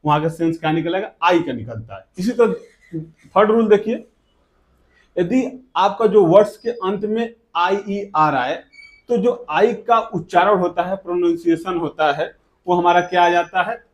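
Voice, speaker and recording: A man teaching an English pronunciation lesson who keeps asking rhetorical questions, answers them himself, and repeats example words slowly. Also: high voice. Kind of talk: classroom grammar lesson.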